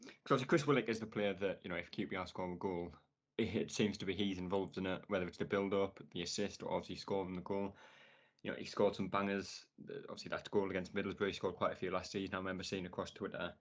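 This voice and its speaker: Brief: deep-voiced man with a Sunderland accent, talks quickly, casual football podcast host. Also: fairly even intonation. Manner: quick, asks long leading questions.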